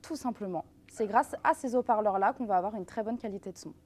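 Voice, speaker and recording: A woman's voice: medium pitch, fast, darkish tone. A woman working as a brand representative, explaining things in a live product presentation and speaking directly to viewers.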